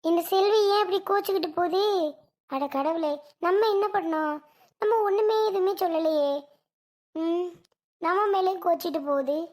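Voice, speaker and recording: A woman's voice: very high-pitched, normal speed, pauses often, darkish tone. A woman playing a nagging, fussy grandmother. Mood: grumbling. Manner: nagging, complaining, lecturing. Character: fussy scolding grandmother, protective of baby. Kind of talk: family comedy skit.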